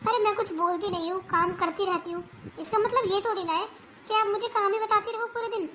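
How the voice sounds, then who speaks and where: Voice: extremely high pitch, fairly even intonation, fairly quick, a bit bright, slight background noise. A performer voicing an overworked young daughter-in-law who argues back about her chores, in a family comedy skit. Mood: arguing. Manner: argumentative, whiny pleading.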